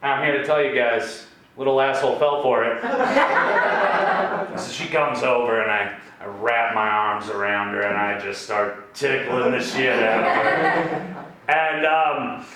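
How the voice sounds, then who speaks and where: A man's voice: medium pitch, a bit bright. A man performing a stand-up comedy set with crude, profane storytelling in an acting studio. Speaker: stand-up comic. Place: acting studio, in front of a small audience. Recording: echoey room from a distant camera, noisy.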